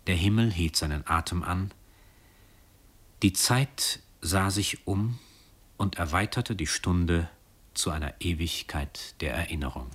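A man reading a literary story aloud in a calm, expressive way with soft, hushed passages. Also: low voice, a little slow, breathy edge. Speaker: reader.

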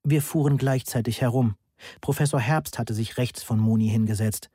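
A man reads a first-person novel aloud at a steady, even pace. His voice is husky and mellow, with a plain middle pitch. It sounds close and dry. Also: moderate pace, no room sound. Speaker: audiobook narrator. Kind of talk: scripted first-person narration.

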